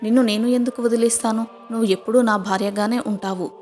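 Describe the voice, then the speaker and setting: Storybook reading: a woman playing a hot-tempered young husband, gruff and dismissive, pitch raised a little. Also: steady tone, fast talker, darkish tone, faint music behind, lightly acted. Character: young male office husband, short-tempered.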